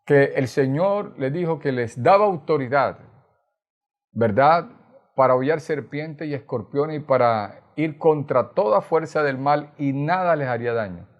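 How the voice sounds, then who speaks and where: A man's voice: fairly high pitch, animated, a little slow, lo-fi sound. A man from Colombia with a Colombian Caribbean accent, preaching a sermon as pastor, earnestly retelling scripture with tag questions. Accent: Colombian Caribbean Spanish.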